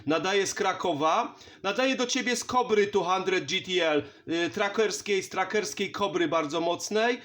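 A CB radio operator who hosts the channel chats in a casual, friendly manner from an indoor station at home. His high-pitched, fairly bright voice moves at a moderate pace with few pauses.

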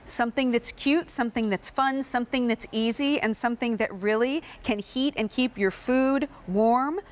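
An American woman, middle-aged, presenting a chatty sales pitch as a home shopping host. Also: moderate pace. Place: kitchen set in a TV studio.

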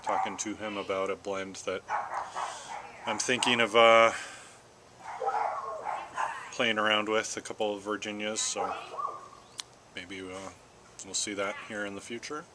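Out in a backyard garden, a middle-aged American man vlogs to the camera in an easygoing, halting ramble, pausing to puff his pipe. He has a lowish voice and a flat delivery. Recorded by a camera roughly arm's length off or slightly more, the clip carries clear outdoor ambience.

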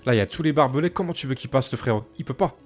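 Lively, exasperated male gamer. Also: medium pitch, racing, faint music behind. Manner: animated, grumbling and exasperated at teammates. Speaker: gaming video creator. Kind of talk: casual gameplay commentary. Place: home gaming setup.

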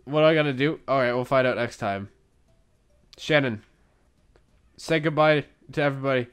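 A young man casually chatting while playing a video game, excitable and swearing, with sudden loud yells. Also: mid-range voice, moderate pace, clear, resonant tone. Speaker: let's play co-host. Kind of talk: casual gaming chat.

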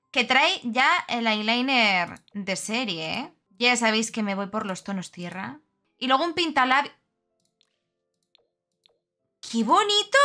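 A woman's voice: a little high, pushed and bright. A young woman gives casual, chatty game commentary, gushing and exclaiming as she goes. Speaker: game reviewer.

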